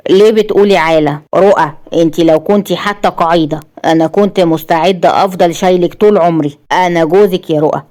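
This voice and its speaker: A woman's voice: lowish voice, fast, few pauses, darkish tone, lightly acted. A woman voicing a loving young husband who speaks tenderly and jokes mischievously.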